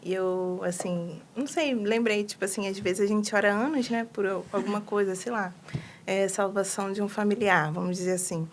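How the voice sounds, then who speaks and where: A woman talking casually about faith, animated and slangy, acting out little quoted prayers. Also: mid-range voice, moderate pace, slight background noise. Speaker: guest on a faith livestream.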